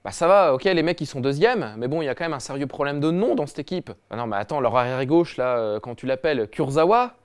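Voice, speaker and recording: A man's voice: mid-range voice, expressive, quick pace, hardly any pauses, clean tone. A man hosting a satirical football comedy show, cocky and slangy, swearing often. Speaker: host.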